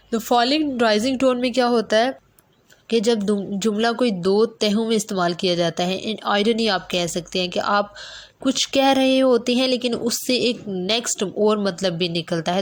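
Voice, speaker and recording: A woman teaching a recorded video lesson at a middle pitch. She explains patiently and step by step, switching to English terms mid-sentence. She slows right down to draw out her example sentences. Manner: draws out example sentences slowly to show pitch.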